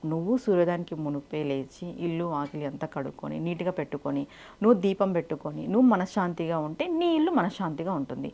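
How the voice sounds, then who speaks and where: Brisk low-voiced woman giving spiritual advice. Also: animated, vocal fry, dark tone. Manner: direct and instructive, fires rhetorical questions. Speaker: spiritual speaker. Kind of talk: devotional advice talk.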